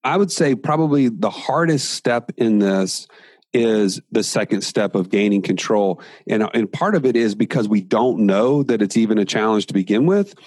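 Low-voiced man explaining in a dry interview. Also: normal speed, darkish tone, no room sound. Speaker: guest entrepreneur.

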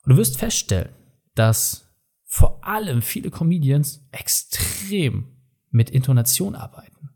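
A man's voice: on the high side, sing-song, unhurried, gravelly, mellow, slightly rough. A man who runs a company gives direct, emphatic speaking advice, talking to the listener informally like a coach. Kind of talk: motivational coaching talk.

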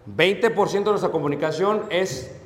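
A man preaching a sermon on marriage to a congregation, acting out husband and wife exchanges with lively voices and asking the audience to agree. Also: sits high, normal speed. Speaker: pastor. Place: church hall. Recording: echoey hall with long reverb.

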